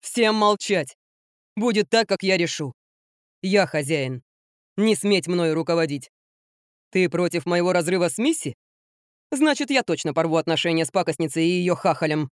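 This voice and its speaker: A woman's voice: on the low side, expressive, normal speed, long pauses, no room sound, clean studio sound, close to an everyday voice. A woman reading an audiobook voices a stern, domineering father who rules his household in curt commands. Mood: commanding. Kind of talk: audiobook character voice.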